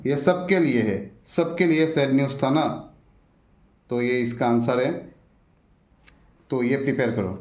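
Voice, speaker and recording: A man's voice: medium pitch, measured pace, pauses often, darkish tone. A man teaching an exam-prep lesson in a roadside coaching centre, often repeating himself and urging viewers to stay, recorded without a microphone. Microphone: no microphone, device's built-in mic. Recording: echoey room without a microphone. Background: occasional road traffic.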